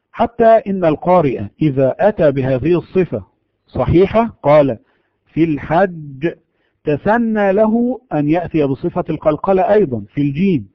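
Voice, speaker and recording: A man giving a tajweed lesson, explaining slowly and drawing out the example words. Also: fairly high pitch, dry recording, lo-fi sound. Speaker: Quran recitation teacher.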